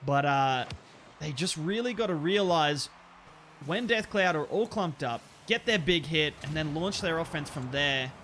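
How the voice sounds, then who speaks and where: A man casting an online car-soccer match with excitable play-by-play commentary, breaking into laughter and jumping up on near misses. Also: a little high, unhurried, slight background noise. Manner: excitable, laughs at plays, rises sharply on chances. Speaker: esports caster.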